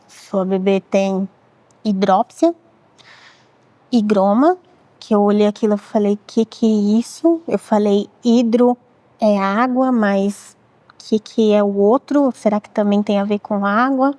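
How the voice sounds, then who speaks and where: A Brazilian woman in her thirties shares a painful personal story as an interview guest, speaking in a measured, reflective way and often repeating what she said back then. Her voice is warm and mellow, and the recording is dry and close. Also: medium pitch, fairly even intonation, no room sound. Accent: Brazilian Portuguese. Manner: measured, reflective, often quoting her own past words. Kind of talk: emotional personal testimony.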